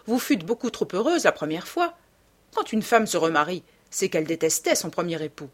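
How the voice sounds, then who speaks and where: A woman's voice: lowish voice, big pitch swings, fairly quick. A woman reading a dry, ironic aristocratic wit. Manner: dry, epigrammatic delivery. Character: witty cynical aristocratic gentleman, languid and ironic. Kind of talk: audiobook character reading.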